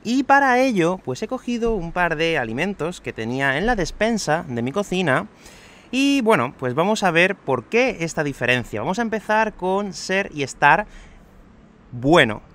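Spanish guy teaching grammar, kinda high voice, bouncy, spells out examples slow. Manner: slow, clear delivery of examples with lively emphasis. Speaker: Spanish teacher and podcast host. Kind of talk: explaining grammar to learners. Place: home, moving to his terrace.

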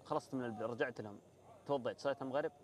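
A young man speaks in a Bedouin Saudi Arabic accent at a quick clip. His delivery is casual and conversational, like someone telling stories to friends, with polite address phrases sprinkled through. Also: mid-range voice, slight background noise. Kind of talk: casual chat and storytelling. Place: walled set with artificial grass, seated group.

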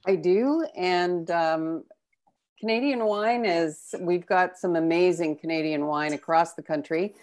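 A woman's voice: lowish voice, darkish tone. A woman sommelier giving an enthusiastic toast on a video call.

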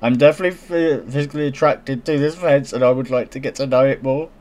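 A man's voice: medium pitch, fast talker, darkish tone. A man commenting casually on a news story, joking sarcastically and often stumbling over words as he reads aloud. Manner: giggly, sarcastic, stumbles while reading aloud.

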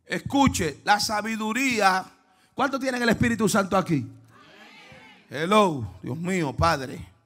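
A male pastor preaches in a high, bright-pitched voice. He swings between near-whispered asides and loud shouted exclamations. He keeps asking the congregation questions as he goes. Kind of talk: lively Pentecostal sermon.

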